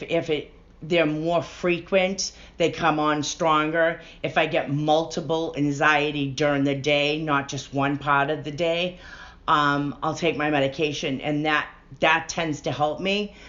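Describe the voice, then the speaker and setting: A woman's voice: sits low, a bit bright. A middle-aged woman talking candidly about personal matters as an interview guest, on a dull lo-fi recording.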